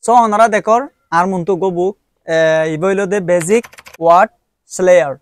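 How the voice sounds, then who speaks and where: A man's voice: high-pitched, moderate pace. A young man with a Rohingya accent, casually reviewing and promoting books, explaining step by step with frequent hesitations. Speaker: book reviewer. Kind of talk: casual spoken product review.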